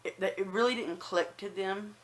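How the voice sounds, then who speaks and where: Over poor audio, a woman with a mid-range voice speaks at a normal speed, telling viewers a personal story. She's a conversational vlogger who acts out remembered remarks, and a slight whistle creeps into certain words.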